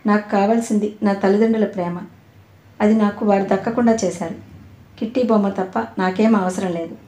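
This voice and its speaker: A withdrawn, grieving young woman speaks in a soft, subdued storybook voice, as a woman narrator reads her lines. Her tone is mellow and warm. The recording carries a roomy echo. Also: medium pitch, fairly even intonation, brisk, lightly acted. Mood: resolute.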